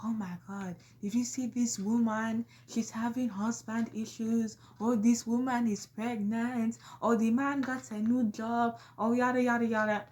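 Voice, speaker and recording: A chattering middle-aged parent who gossips on the phone, as a woman imitates her elders. The voice runs a little high and moves along at an unhurried pace, spilling one bit of news after another. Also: little pitch movement, a little mellow, lightly acted. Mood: gossipy.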